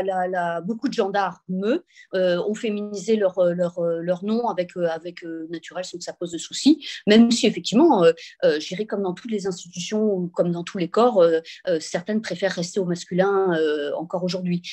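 A woman speaking as a webinar guest over a video call. She talks hesitantly, pausing and restarting often while she gathers her thoughts. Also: lowish voice, dark tone. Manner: hesitant, many fillers and restarts. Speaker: panel guest. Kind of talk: webinar talk.

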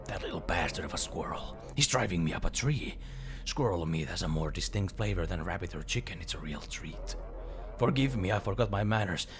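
An actor playing a gruff male woodsman in video game dialogue, who talks in a slow, rambling grumble. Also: low-pitched, animated. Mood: grumbling.

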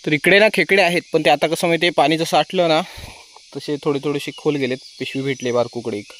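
A man's voice: a little high, fairly even intonation, fast talker, a bit bright, a little hiss or hum. A man vlogging outdoors by a stream pool, cheerfully urging children on as they catch fish. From Konkan, India. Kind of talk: casual outdoor vlog narration.

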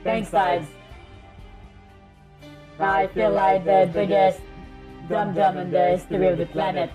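High-voiced excitable streamer on headset mic. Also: male voice, unhurried, faint music behind. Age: 30s. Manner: excitable, swearing, talks to himself and chat. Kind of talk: gaming livestream commentary. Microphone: livestream headset mic.

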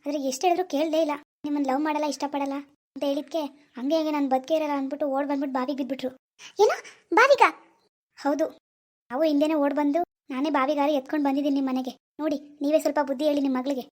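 A young man playing a stubborn village man who argues quickly and bluntly in a village drama. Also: very high-pitched, flat delivery, dark tone. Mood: explaining.

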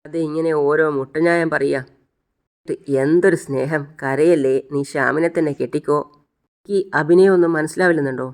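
The narrator reads as a young woman who will not be silenced, bitter and sarcastic toward those around her. Her words come in a steady, accusing flow, cutting and resentful, spoken in a soap-opera retelling. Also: medium pitch, normal speed, natural voice.

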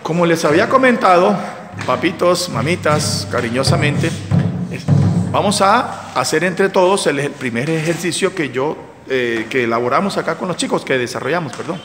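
A man's voice: fairly high pitch, lively intonation, normal speed. A male music instructor leading a percussion class, counting out rhythms and chanting syllables for his students to follow. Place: community hall. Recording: echoey hall with drums. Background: drums and percussion playing.

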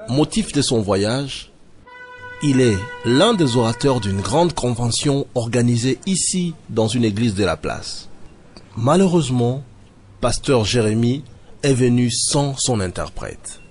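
A man narrating a comedy sketch in a measured, reporter-like voice. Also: medium pitch, expressive, a little mellow, husky, soft background music. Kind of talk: mock news narration.

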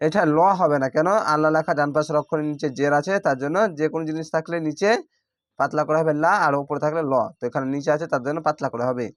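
Slow, syllable-spelling male Quran teacher. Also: on the high side, steady tone, no echo, clean studio sound. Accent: Bangladeshi Bengali. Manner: slow, drawn-out syllable-by-syllable spelling with recited words. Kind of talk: spelling-out Quran recitation lesson.

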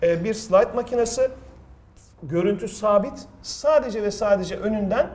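High-voiced middle-aged male quiz host. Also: normal speed, darkish tone. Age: middle-aged or older. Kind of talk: casual storytelling and quiz hosting. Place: studio table, indoors.

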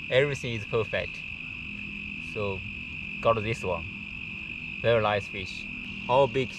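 A young man with a lowish voice speaks in plain, broken at an unhurried pace. He is outdoors by a lake, recorded on a close action camera. Steady outdoor noise with crickets and insects runs behind him. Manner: simple broken phrasing, relaxed and unhurried. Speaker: fishing vlogger. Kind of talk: casual outdoor vlog. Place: outdoors by a lake, among trees.

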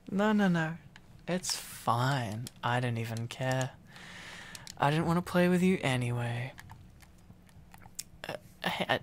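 In this boyfriend ASMR roleplay, a young man is clingy, teasing and silly, rambling playfully with halting repetitions. His voice sits a little high, with a faint hiss or hum in the background.

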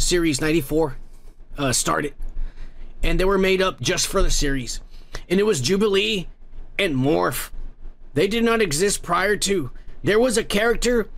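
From a dimly lit room at home, a man from the United States hosts a podcast, going through viewer comments in a rambling, swear-filled, filler-heavy manner. He has a high, fairly bright voice.

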